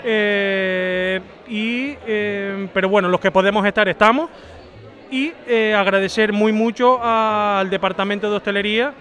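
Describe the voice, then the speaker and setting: A man answers through a face mask, his voice notably high for a man. He speaks haltingly, restarting phrases and filling gaps. It is outdoors in a square. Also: fairly even intonation, bright, forceful tone. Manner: halting, many restarts and fillers. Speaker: head chef. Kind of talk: interview answers. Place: outdoor town square at a night festival.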